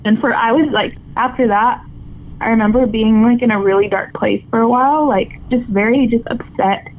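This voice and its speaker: Young woman guest, high-ish voice, emotional and halting, tinny phone line with faint hiss. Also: fairly even intonation. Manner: tearful, halting, many fillers. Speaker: guest, former softball player. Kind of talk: emotional interview storytelling. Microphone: phone call.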